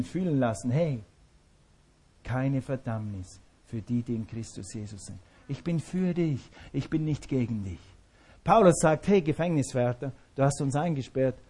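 A man's voice: medium pitch, mellow. A male pastor preaching a sermon, emphatic and repeating his key phrases.

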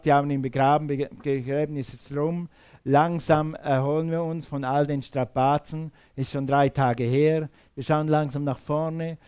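A man preaching a sermon, shifting between quiet talk and loud calls. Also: on the high side, clean tone.

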